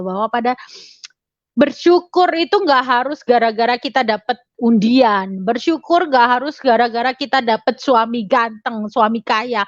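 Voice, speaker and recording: A woman's voice: a little high, no echo. A woman giving a casual motivational talk to her audience, chatty and full of fillers and tag questions. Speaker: motivational speaker. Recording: dry, slightly dull lo-fi sound.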